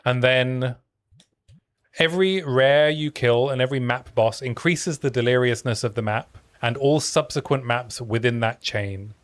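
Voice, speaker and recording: A young man streams a game and chats casually with his viewers, answering chat between plays in a relaxed, talkative way. His voice is soothing, like a sleep-story narrator, medium in pitch and a little slow.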